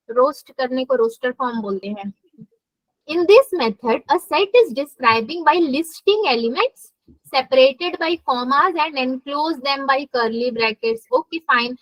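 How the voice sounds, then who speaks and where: A woman's voice: sits high, fairly bright tone, dry recording, low-quality recording. A young woman teaching a live math class, mixing English terms into her explanations and checking in with students. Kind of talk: live online class lecture.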